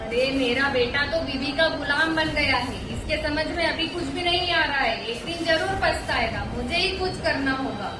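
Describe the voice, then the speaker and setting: A woman voicing a harsh, scheming mother-in-law in an animated story, scolding and insulting. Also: high-pitched, moderate pace, few pauses, lightly acted. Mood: scornful. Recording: echoey room from far off, music behind.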